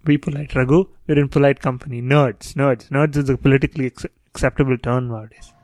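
A man's voice: mid-range voice, steady tone, quick pace, darkish tone, dry recording. A man co-hosting a casual podcast chat, his remarks wry and sarcastic. His voice sits mid-range, recorded close and dry with no room sound. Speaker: podcast co-host.

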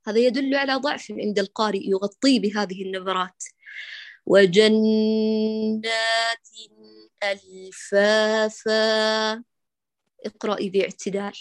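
A woman teaching Quran recitation in an online class, correcting a student and demonstrating sounds slowly. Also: mid-range voice, fairly even intonation, no echo, studio quality.

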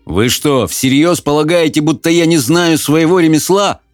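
A man voicing a vain, sulky young wizard with a head cold, speaking hoarsely and irritably. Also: fairly high pitch, normal speed, no room sound, faint music behind, pitched above the performer's own voice, natural voice. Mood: irritated. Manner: irritable, whiny.

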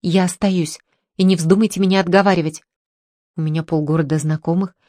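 Determined young heroine, voiced by a woman reader, firm, higher voice. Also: steady tone, brisk, warm tone, no echo, clean studio sound, close to an everyday voice. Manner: firm, resolute, raised pitch.

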